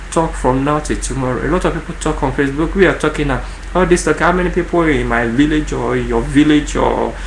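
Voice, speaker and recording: Nigerian-accented male channel host, mid-pitched, earnest and emphatic through repetition, recorded in a reverberant room. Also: fairly bright tone. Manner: earnest, repeats words and phrases for emphasis. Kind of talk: informal monologue to viewers. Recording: echoey room with faint background noise.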